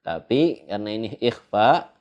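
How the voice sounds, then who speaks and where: A man from Indonesia teaching a tajwid lesson in a studio, unhurried and pausing on fillers as he explains. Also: fairly low pitch, big pitch swings, darkish tone, highs cut off. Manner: unhurried, hesitant with "eh" fillers, sings out drawn-out recited examples. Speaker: Quran recitation teacher. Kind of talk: slow tajwid lesson with recited examples.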